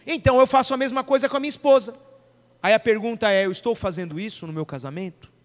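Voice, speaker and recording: A man's voice: high-pitched, fast talker, in a large hall. A male pastor preaching a sermon, calling questions out to the congregation.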